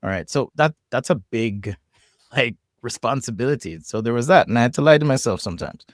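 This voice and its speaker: In casual podcast conversation, a man from Jamaica speaks with a Jamaican accent, musing aloud and often restarting or repeating himself. His medium-pitched voice is expressive and brisk, captured with clean studio sound and no echo.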